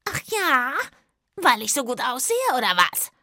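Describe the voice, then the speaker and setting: A woman's voice: animated, normal speed, pushed and bright, no echo, studio quality. A woman voicing a vain, hot-tempered king who shrieks and squawks in a children's radio drama. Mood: sneering. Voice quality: shrill, squawking. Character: vain shrieking male king, easily enraged.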